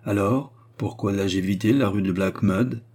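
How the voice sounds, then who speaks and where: A man's voice: on the low side, moderate pace, a little mellow, close to an everyday voice. A man reading the part of a young English traveler, dry and mildly mocking. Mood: wry.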